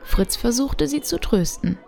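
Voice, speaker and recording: A woman's voice: a little high, measured pace, creaky, a faint crowd, slight background noise. Woman narrating a children's audio story. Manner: lively, chatty, addresses listeners.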